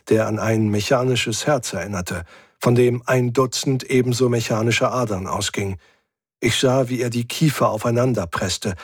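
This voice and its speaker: A man reads a first-person adventure with steady tension, his voice a little husky. The recording is dry, with no room sound. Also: no room sound. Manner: tense, voices characters by pitching up. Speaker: audiobook narrator. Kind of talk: dramatic first-person audiobook reading.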